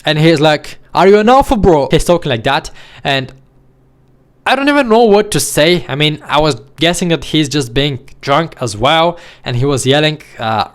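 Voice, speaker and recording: Young man telling a story, slightly high voice. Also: moderate pace, clear, resonant tone. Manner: animated, acts out the scene with quoted voices. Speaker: vlogger. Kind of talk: casual storytelling to camera.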